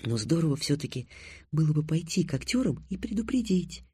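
A teasing, practical young girl, read by a man in a soft, hushed voice. The voice sits a little high and the sound is dry and close, with no room around it. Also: sing-song, normal speed, breathy edge, no echo.

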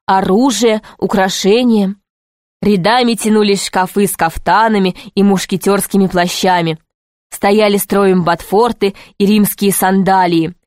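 A woman narrating a children's adventure story in an even, steady storytelling voice. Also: mid-range voice, no room sound, studio quality. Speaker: audiobook narrator. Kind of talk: scripted narration.

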